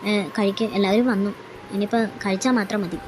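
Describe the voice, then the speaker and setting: A woman's voice: medium pitch, flat delivery, background noise, close to an everyday voice. A woman voicing a doting middle-aged mother and aunt who fusses and coaxes in a fan audio drama. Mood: coaxing. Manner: coaxing, fussing, fast-talking. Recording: background music under voice.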